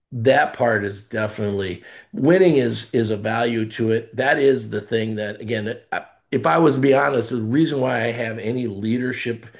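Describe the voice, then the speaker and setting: A middle-aged man in a casual podcast conversation, an animated storyteller who acts out the voices he quotes. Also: medium pitch. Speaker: college athletic conference leader.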